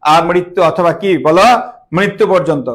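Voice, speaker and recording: A man's voice: sits high, steady tone, moderate pace, fairly bright tone. A young man teaching an online class, repeating words emphatically and quizzing his students with questions.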